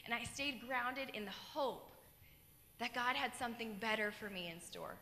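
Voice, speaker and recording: Her voice on the high side and her pace moderate, a young woman from Colorado tells her personal story earnestly as a keynote speaker, handheld mic in hand and gesturing animatedly. She's on a large, dark auditorium stage, heard through long hall reverb and slight background noise.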